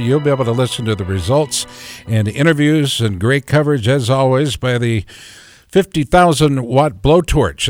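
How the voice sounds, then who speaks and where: A man hosting a radio show in a chatty, folksy, joking way. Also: medium pitch. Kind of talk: casual radio talk.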